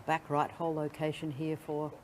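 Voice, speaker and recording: A man's voice: a little high, completely flat delivery, moderate pace, noisy background. Male golf commentator, understated live commentary.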